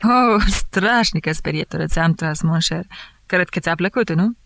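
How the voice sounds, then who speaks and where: A woman's voice: on the low side, creaky, a bit bright, dry recording. A woman voicing a jovial male investigating judge who teases and mocks, with a thick voice. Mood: teasing. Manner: bantering, mocking.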